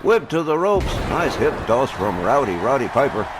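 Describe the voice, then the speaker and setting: A man's voice: mid-range voice, big pitch swings, normal speed. A man doing play-by-play wrestling commentary, calling each move in short, clipped phrases with exclamations. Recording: clearly noisy recording.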